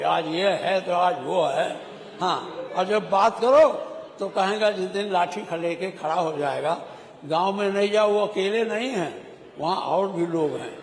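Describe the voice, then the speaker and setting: A middle-aged man giving a rhetorical floor speech as a legislator, scolding and teasing the ministers. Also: high-pitched. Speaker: legislator speaking in the state assembly. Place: large legislative chamber. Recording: echoey hall broadcast audio.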